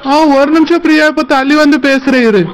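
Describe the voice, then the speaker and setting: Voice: high-pitched, steady tone, fairly quick, poor audio. A voice actor playing a deceitful young man in a cartoon who sweet-talks his girlfriend and sneers at her in asides. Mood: sweet-talking. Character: deceitful young man, two-faced lover. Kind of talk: cartoon voice acting.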